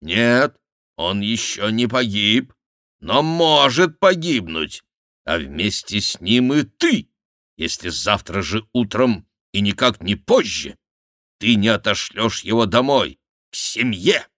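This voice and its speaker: A man voicing a stern male voice that poses as God and speaks slowly and solemnly. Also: fairly low pitch, sing-song, fairly bright tone, no room sound, clean studio sound, pitched above the performer's own voice, full character voice. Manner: slow, solemn, preaching.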